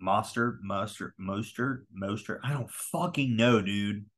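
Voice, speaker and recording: A man's voice: fairly low pitch, a little slow. Foul-mouthed man rambling on a podcast. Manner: profane, rambling, frank. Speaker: fantasy football podcast host. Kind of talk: casual solo podcast chat.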